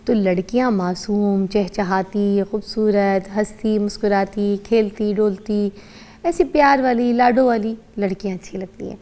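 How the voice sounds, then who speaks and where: A woman's voice: mid-range voice, steady tone, warm tone. A middle-aged woman with a Pakistani accent hosting a morning TV show, chatty, teasing and opinionated. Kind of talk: casual TV chat. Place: TV studio.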